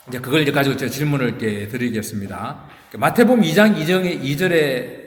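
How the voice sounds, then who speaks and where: A man as a pastor leading a casual Bible study, relaxed and rambling with many fillers and restarts. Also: mid-range voice. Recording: echoey room with long reverb.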